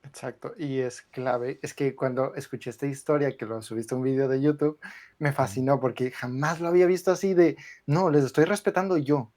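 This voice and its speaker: A man's voice: mid-range voice, steady tone, a little fast, a little mellow. A male host of a livestream conversation, eagerly affirming and prompting his guest.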